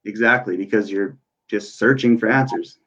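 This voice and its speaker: A man's voice: on the low side, normal speed, a bit bright, lo-fi sound. A man speaking as an interview guest about working with youth, explaining earnestly with frequent fillers. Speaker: guest, youth worker and parenting coach.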